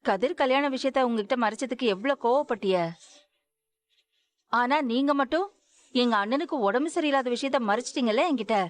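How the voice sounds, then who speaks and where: A woman's voice: high voice, a little fast, dry recording, natural voice. An actress in a TV serial playing a worried middle-aged mother and wife who pleads and reproaches through tears. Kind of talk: Tamil TV serial acting.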